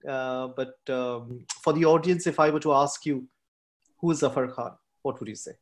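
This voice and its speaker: A man hosting a podcast, asking questions softly with frequent fillers. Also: mid-range voice, moderate pace. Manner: soft-spoken, many fillers. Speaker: podcast host. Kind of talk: interview questions.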